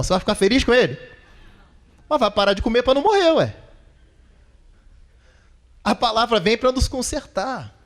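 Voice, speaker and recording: A man preaching a sermon as pastor in a church, lively and conversational, acting out quoted voices and firing rhetorical questions at the congregation. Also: high voice.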